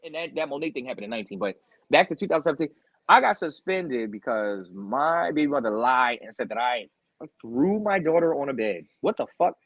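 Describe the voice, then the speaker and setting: A young man hosting a podcast, telling a story in a loud, profane rant and acting out what people said. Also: medium pitch, fairly quick, no echo, lo-fi sound. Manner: animated, profane, loud outbursts acting out quotes. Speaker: podcast host.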